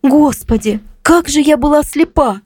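A woman's voice: fairly high pitch, very animated, brisk, a little mellow, breathy edge, dry recording, voice pushed up. A woman voicing a young female friend who asks eager, curious questions and blames herself. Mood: dismayed.

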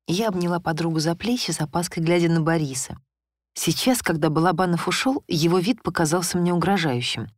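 A woman reads a first-person novel aloud in an expressive, steady storytelling voice. Her voice sits somewhat low. The recording is dry and close, with no room sound. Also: fairly quick, no room sound. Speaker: audiobook reader. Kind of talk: first-person audiobook narration.

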